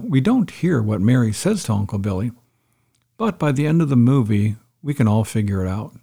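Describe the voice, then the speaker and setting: A man giving a calm, reflective devotional talk as a pastor, retelling a story to make a point. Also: medium pitch, husky.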